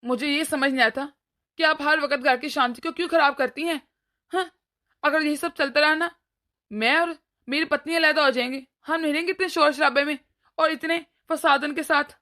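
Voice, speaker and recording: A woman's voice: high voice, steady tone, normal speed, sharp tone. A woman voicing an exasperated young husband scolding his mother in a cartoon, with an impatient manner. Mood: annoyed. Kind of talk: cartoon voice acting.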